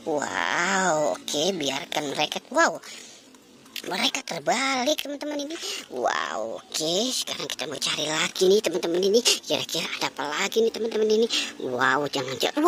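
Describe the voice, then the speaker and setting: A woman's voice: lowish voice, background noise. A woman narrating a children's toy adventure video at home, exclaiming "wow" constantly and calling out to her young viewers. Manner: constant "wow", addresses "teman-teman". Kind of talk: excited narration for kids. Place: at home, corner of a house.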